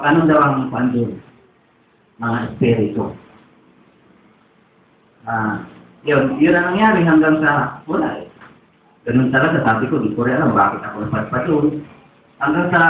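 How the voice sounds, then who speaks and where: Here a man from the Philippines, his voice a little high, delivers a sermon that drifts into a rambling personal testimony. There's a little hiss or hum, and the church audio sounds tinny, echoey and far away.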